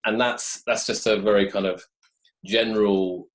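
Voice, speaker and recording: A man's voice: on the low side, steady tone, normal speed. A man, a business advisor, making a point in a discussion with hesitant restarts, often checking with "okay?". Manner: hesitant, repeats words, says "okay?" often. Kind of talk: casual discussion.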